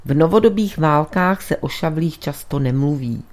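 A woman's voice: low-pitched, expressive, darkish tone. A woman voicing a shrewd male priest detective who presses his point earnestly in a storybook reading. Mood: explaining.

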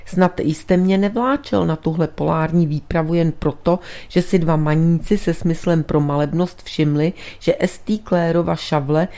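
A woman voicing a burly, blunt man who answers with gruff, skeptical retorts in a storybook reading. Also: deep voice, steady tone, few pauses, warm tone. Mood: scoffing. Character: burly blunt male companion, skeptical and impatient.

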